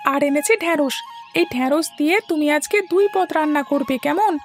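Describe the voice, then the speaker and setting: In a Bengali cartoon story, a woman voices an eager, sulky, chatty little schoolboy in a high pitch, speaking a little fast. She sounds pleading, petulant and childlike, with music behind her.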